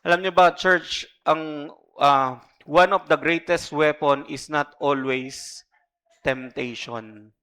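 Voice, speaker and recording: A man's voice: on the high side, steady tone, slow, bright, forceful tone. A male pastor with a Filipino accent preaching a sermon in mixed Tagalog and English, often checking in with the congregation through short tag questions.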